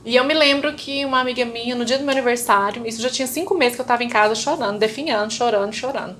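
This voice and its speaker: Guest with a fairly high Brazilian voice and faint room noise behind; recounts a personal story, voicing the people in it. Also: female voice, rapid-fire, a bit bright. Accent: Brazilian Portuguese. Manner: storytelling, acting out remembered dialogue, frequent tag questions. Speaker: interview guest. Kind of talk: personal testimony in casual chat.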